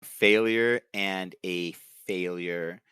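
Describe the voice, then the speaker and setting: A man acting as game master in a tabletop game, narrating over an online call in a relaxed way with many fillers. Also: low-pitched, drawn-out words, smooth, no echo.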